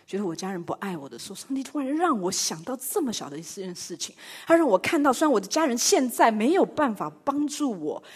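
A woman's voice: medium pitch, husky. A middle-aged woman preaching a sermon and telling a personal story, with rhetorical questions and self-mocking humor. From Taiwan. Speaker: church speaker.

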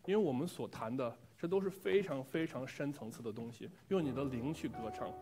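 A man's voice: medium pitch, fairly quick, music in the background. Earnest male preacher giving testimony. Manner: earnest, reflective, pleading questions to the congregation. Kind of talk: sermon with personal testimony.

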